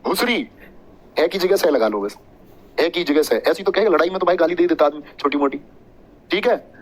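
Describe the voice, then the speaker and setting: Man, teacher, exam-prep lecture, joking, repetitive, fast, slightly high voice. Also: expressive, poor audio. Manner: joking, chatty, repetitive drilling.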